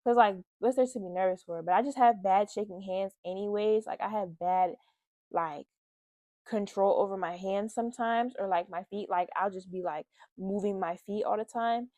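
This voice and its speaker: A woman's voice: medium pitch, moderate pace, mellow, no room sound. A young woman vlogger telling a casual storytime, chatty and talking straight to her viewers. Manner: chatty, addresses viewers as y'all.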